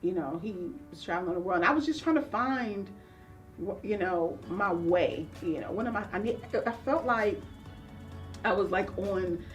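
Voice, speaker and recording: A woman's voice: medium pitch, expressive, normal speed. A woman counselor telling her own life story in an interview, earnest and reflective, acting out the voices of people she remembers. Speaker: counselor guest. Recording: voice a little distant from mic, faint music.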